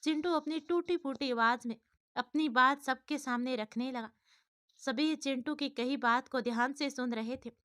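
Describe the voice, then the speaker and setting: A woman narrating a family story in a plain, steady storytelling way. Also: sits high, a little slow, no echo, clean studio sound.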